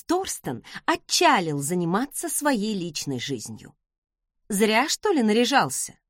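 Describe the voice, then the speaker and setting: A woman narrating a first-person novel aloud with expressive, lively delivery. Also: fairly high pitch, no echo, studio quality. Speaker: audiobook reader.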